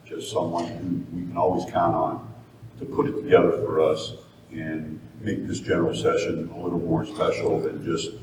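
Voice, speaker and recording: A man introducing the keynote speaker at an association meeting, halting and searching for words. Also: extremely low pitch, flat delivery. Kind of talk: spontaneous introduction speech. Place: conference hall. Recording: echoey hall, mic far off, noisy.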